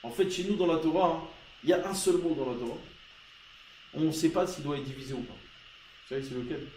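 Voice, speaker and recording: A man's voice: a little high, a little fast, roomy sound, a little hiss or hum, rough recording. Emphatic man teaching a Torah class. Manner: rhetorical questions, grows loud and emphatic.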